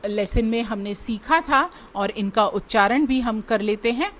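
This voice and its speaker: In this classroom lesson, a woman with an Indian accent spells words aloud one letter at a time for her students, saying each word again and addressing them directly. She speaks a little slowly in a higher register, with slight noise in the background.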